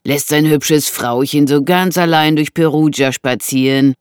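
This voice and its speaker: An audiobook narrator voicing a menacing man with a knife, who taunts slowly and mockingly. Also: medium pitch, steady tone, clean tone, no echo, clean studio sound, close to an everyday voice. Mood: taunting. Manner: slow, taunting, drawn-out delivery.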